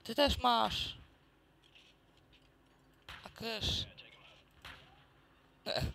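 Guy muttering through a let's play, super gravelly voice, slow talker, hissy noisy recording. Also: extremely high pitch, sharp tone. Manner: muttering, sarcastic remarks to viewers.

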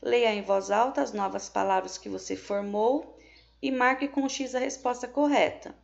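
A woman's voice: a little high, fairly even intonation, moderate pace, creaky, lo-fi sound. A woman with a Brazilian Portuguese accent, teaching a remote lesson to young pupils and explaining each step patiently, with frequent checks. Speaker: primary school teacher.

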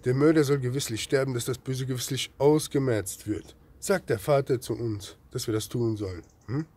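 A man's voice: normal speed, slightly rough. Fervent man preaching with rhetorical questions. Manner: rhetorical questions with constant tag "ja?"; swings between loud outbursts and low murmurs. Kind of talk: impassioned religious rant.

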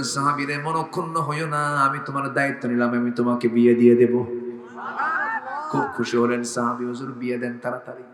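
Preacher guy getting fired up, acts out the dialogue, big echoey room. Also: medium pitch. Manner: rises to impassioned shouting, acts out dialogue. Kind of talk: Bengali waz sermon. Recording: echoey hall with long reverb.

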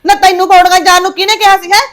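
A woman playing a sharp-tongued visiting mother who scolds and taunts her daughter's in-laws in a family drama. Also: very high voice, little pitch movement, very fast. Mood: scolding.

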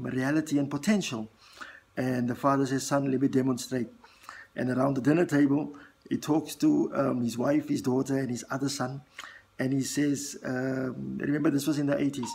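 This man has a medium-pitched voice that is gravelly, a little mellow and slightly rough. He's a South African vlog host in his forties whose first language is Afrikaans, speaking casually and earnestly to the camera up close indoors, thinking aloud with lots of fillers and restarts.

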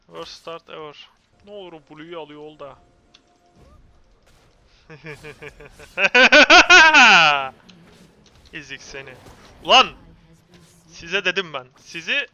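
An excitable young man gives live commentary over his game, swinging between mock curses and exasperated rants at opponents. His voice sits high for a man and comes across bright and piercing. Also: slight background noise. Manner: excitable, taunting and ranting at opponents. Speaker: game streamer.

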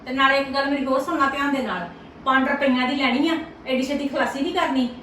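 A woman's voice: high-pitched, fast talker, a bit bright, reverberant, recorded from a distance, slight background noise. A woman playing an angry middle-aged mother defending her daughter, taunting and threatening. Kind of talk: acted family drama.

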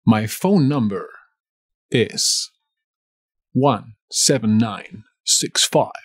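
A man with a Castilian Spanish accent teaching a language lesson, repeating each phrase slowly and explaining grammar in asides. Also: lowish voice, slightly rough, no echo, clean studio sound. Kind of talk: slow bilingual phrase lesson.

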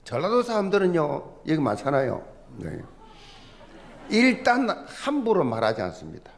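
A man's voice: on the high side, huge pitch swings, moderate pace, vocal fry, slight background noise. A middle-aged male pastor with a Busan accent, preaching a sermon in an emphatic, folksy, humorous way. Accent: Busan Gyeongsang dialect. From Busan, South Korea. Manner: emphatic, swinging from loud stresses to soft asides.

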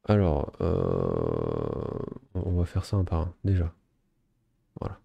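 A man's voice: low voice, huge pitch swings, slow pace, creaky, breathy edge, no echo, lo-fi sound. A man casually commenting on a strategy game as he plays, thinking aloud with many fillers. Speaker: gaming video host. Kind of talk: casual let's play commentary.

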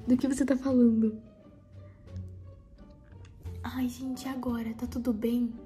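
Nervous young Brazilian woman, slow whispery. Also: fairly high pitch, little pitch movement, over music. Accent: Brazilian Portuguese. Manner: nervous, often drops to a whisper. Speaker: YouTuber pranking a friend. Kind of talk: casual prank vlog, reading and typing messages aloud.

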